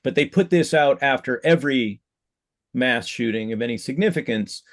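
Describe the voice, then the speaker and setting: Gravelly-voiced man in reflective chat. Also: mid-range voice, normal speed. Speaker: co-host. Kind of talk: casual conversation.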